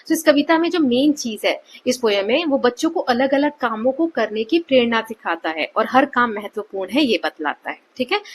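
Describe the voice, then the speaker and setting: A woman with an Indian English accent teaches a textbook lesson, moving slowly line by line and checking in with her students often. Her voice is a little high and husky.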